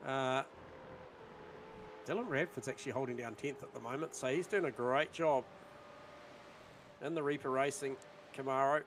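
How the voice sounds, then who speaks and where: A man doing live sim racing commentary, calling out lap times and battles on track, rising in excitement at overtakes. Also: medium pitch, normal speed, long pauses, a little hiss or hum.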